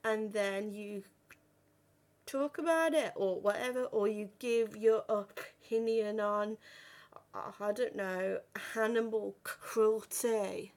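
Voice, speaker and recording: Slow-talking woman with a stammer. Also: mid-range voice, darkish tone. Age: 30s. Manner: stammers, with repeated words and broken starts. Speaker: vlogger. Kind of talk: personal talk to camera.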